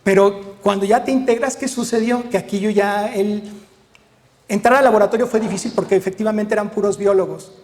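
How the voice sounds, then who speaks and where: A middle-aged man with a Mexican accent, a veterinarian telling lively anecdotes to an audience and acting out the dialogue. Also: high voice, fairly quick, long reverb tail. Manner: lively storyteller, acts out dialogue, frequent tag questions. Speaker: veterinarian giving a talk.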